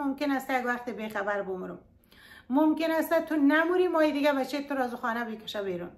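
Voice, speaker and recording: A woman's voice: high-pitched, a bit bright. A woman with an Afghan Dari accent, telling a story to her online viewers and pleading with them to look after themselves. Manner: pleading, addresses listeners fondly. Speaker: YouTube storyteller giving advice. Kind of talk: earnest advice monologue to viewers.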